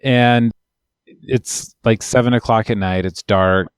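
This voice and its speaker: A man's voice: fairly low pitch, steady tone, slow pace, smooth, no room sound, clean studio sound. A man, an immigration lawyer, telling a long, wry, rambling story in casual podcast chat.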